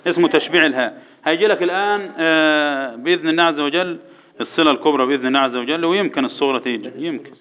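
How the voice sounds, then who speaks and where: A man with an Egyptian accent teaching Quran recitation to boys, quizzing them and chanting verses slowly for them to repeat. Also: fairly high pitch, clean tone, highs cut off. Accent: Egyptian Arabic. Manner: drills students with questions, chants verses slowly. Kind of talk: tajweed lesson to boys.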